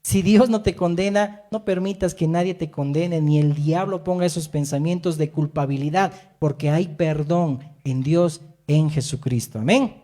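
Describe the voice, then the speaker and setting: A man preaching from the pulpit with a high, mellow voice. He reads scripture and tells stories with emphatic swings, often pausing for an amen. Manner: emphatic preaching, rising and falling, frequent amens. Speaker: pastor. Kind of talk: sermon.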